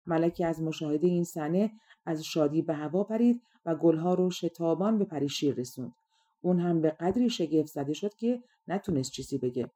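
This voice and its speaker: Audiobook narrator, woman; calm measured storytelling, lowish and mellow.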